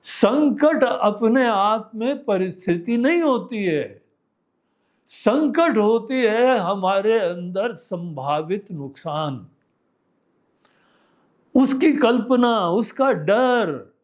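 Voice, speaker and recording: A man, a swami, giving a spiritual discourse in an unhurried storytelling manner with everyday examples, dropping low and soft for asides. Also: expressive.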